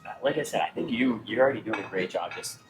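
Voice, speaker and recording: A man's voice: on the low side, quick pace, music in the background, low-quality recording. A male chef chatting casually in a restaurant kitchen, teasing with dry humor. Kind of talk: casual chat.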